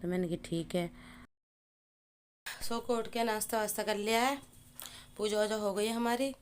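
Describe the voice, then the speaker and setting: A woman vlogger narrating her day in a casual, chatty way, often filling pauses with short hums. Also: medium pitch, slight background noise. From India. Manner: chatty, repeats "हैं" and "hmm" as fillers. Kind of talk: casual family vlog narration.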